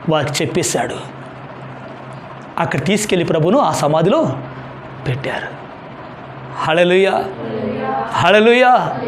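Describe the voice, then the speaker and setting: A man's voice: sits high, a little hiss or hum. A man pastor giving a sermon, preaching emphatically with rhetorical questions and repeated hallelujahs.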